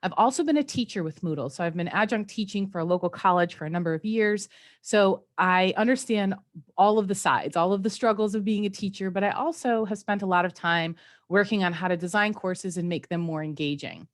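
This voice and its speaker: A woman's voice: medium pitch, a little fast. A woman giving a friendly, enthusiastic conference presentation on a video call.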